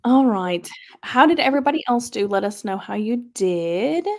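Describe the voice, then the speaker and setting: Woman host, casual stream chat, a bit of vocal fry, reads comments out loud. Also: fairly high pitch, expressive, normal speed. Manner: chatty, reads viewer comments aloud. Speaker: livestream host.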